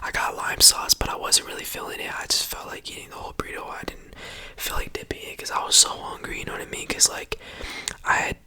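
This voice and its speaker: A whispering ASMR creator rambling casually and repetitively in slangy speech, close to the microphone. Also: fast. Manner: slangy, repetitive, rambling, often saying bro and you know.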